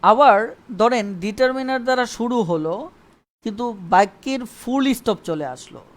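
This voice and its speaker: A man's voice: extremely high pitch, unhurried. A man teaching an online English grammar lesson live. He repeats points and keeps checking that viewers understand. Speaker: English tutor.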